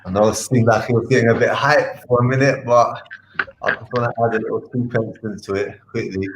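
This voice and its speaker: A man, a panel guest explaining casually in a polite, halting way. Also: medium pitch, fairly even intonation, noisy background.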